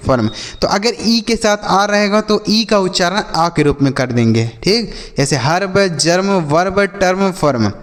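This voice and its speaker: A man's voice: a little high, in a large hall. A man teaching English reading to children, spelling words out letter by letter and asking and answering his own questions. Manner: spells words letter by letter, asks "what will we read?" and answers himself; calls listeners "children". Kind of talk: classroom-style phonics lesson.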